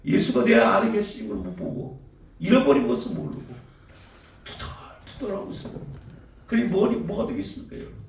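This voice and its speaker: An older man preaching as a pastor, animated storytelling, acting out dialogue and asking the congregation questions. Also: fairly high pitch, creaky. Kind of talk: sermon. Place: church sanctuary. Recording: echoey church sound from a distance.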